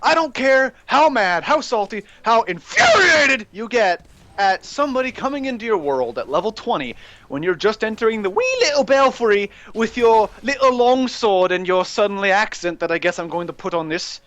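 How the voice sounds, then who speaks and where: A young man hosting a rambling, excitable gaming rant that breaks into shouting while he plays. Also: high voice, moderate pace, dry recording, dull audio. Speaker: gaming channel host ranting.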